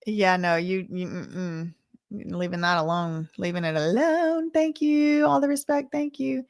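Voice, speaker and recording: Her voice sits on the low side and she takes her time as she chats with viewers on a relaxed live stream, responding to their messages with sass and slang. She's an American from Louisiana, recorded at studio quality without any echo.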